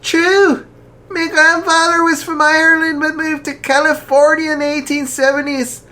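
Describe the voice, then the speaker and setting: At normal speed and with a flat delivery, a male narrator voices a tall, jolly, elderly archbishop who talks gently and kindly, raising the pitch well above his natural range.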